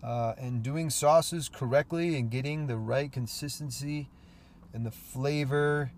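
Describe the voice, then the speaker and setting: A man hosting a casual solo podcast about cooking, sounding stuffy from a cold and rambling with many fillers. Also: medium pitch. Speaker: podcast host, cook.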